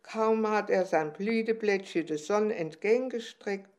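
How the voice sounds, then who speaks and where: A woman reading a children's story aloud in a gentle, unhurried way. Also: medium pitch.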